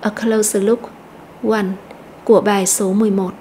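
A woman teacher explaining an English lesson step by step, slowly repeating each word to stress. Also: mid-range voice, level tone, dark tone, slight background noise. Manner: methodical, repeats words slowly.

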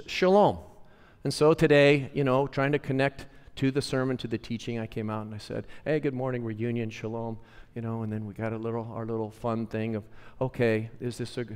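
Male pastor, teaching sermon, mid-pitched voice, repeats key phrases, long church reverb. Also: clear, resonant tone. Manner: teaching, repeats phrases for emphasis, asks the congregation to respond; swings between hushed lines and louder emphatic ones. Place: church sanctuary.

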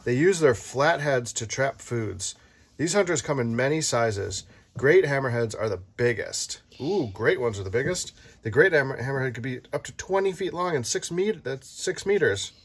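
A parent and host reads a children's book aloud at an indoor tabletop, the book filmed from above, chatting playfully and explaining things simply to a child. His medium-pitched voice is husky and expressive at normal speed.

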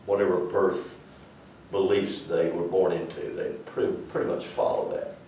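An older Southern US man teaches a small indoor church class in a rambling, folksy, conversational way, his low, dark voice delivered flat at normal speed. A far camera picks him up in an echoey room, with a little hiss or hum.

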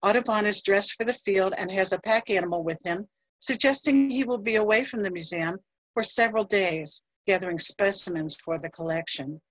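A woman museum curator giving a scripted history presentation in a measured voice, with a few fillers as she reads from her notes. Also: medium pitch, a bit bright, no echo, rough recording.

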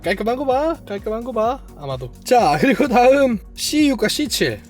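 A model kit reviewer giving hands-on build commentary, chatty and talking to themself while building, playfully boastful and quick with excited exclamations. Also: mid-range voice, soft background music. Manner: playfully boastful, self-praising.

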